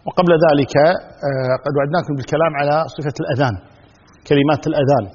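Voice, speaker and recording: A male scholar teaching a religious text in a measured lesson style, repeating key phrases and reciting formulas. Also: fairly high pitch, steady tone, darkish tone, slightly rough. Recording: dull lo-fi audio with long reverb.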